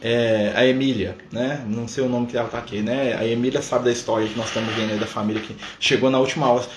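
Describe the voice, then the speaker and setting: A man's voice: mid-range voice, fairly even intonation, background noise. Brazilian man in an echoey room. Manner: conversational, fills pauses with a questioning "né?". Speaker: spiritist study group leader. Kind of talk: live-streamed study talk. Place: room at a community center.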